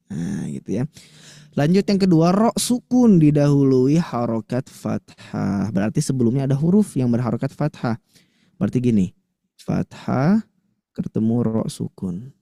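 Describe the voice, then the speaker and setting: A man teaching Quran recitation to women in a lively, chatty way, slowly demonstrating letter sounds. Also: medium pitch, creaky, no echo, studio quality. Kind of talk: tajwid lesson to women listeners.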